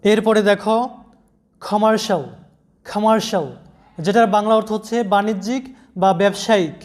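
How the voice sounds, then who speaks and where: A man's voice: high voice, steady tone, normal speed. A man teaching English pronunciation in an online lesson, patiently spelling out words letter by letter.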